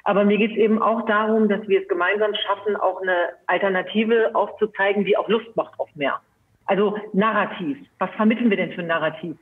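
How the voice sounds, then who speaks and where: A man speaks as a guest on a live online panel. His voice sits high, and the call audio is narrow and tinny. He stays earnest and measured, with filler sounds along the way. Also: fairly even intonation. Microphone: video call.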